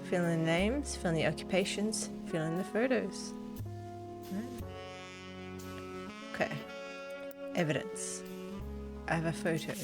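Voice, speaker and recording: Casting note: self-deprecating woman doing casual game commentary, lowish voice, guitar music behind. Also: expressive, unhurried, pauses often. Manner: chatty, self-deprecating, reads game text aloud. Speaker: gaming channel host. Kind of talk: casual let's-play commentary.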